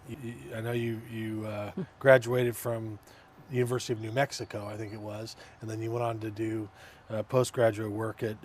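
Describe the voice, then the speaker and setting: A man's voice: medium pitch, slight background noise. A man hosting a talk show, chatty and repeating words as he searches for them. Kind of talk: casual interview.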